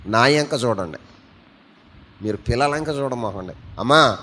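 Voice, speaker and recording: A man preaching a sermon as pastor, fervent, asking the congregation questions and swinging between loud and soft. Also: medium pitch, expressive, unhurried.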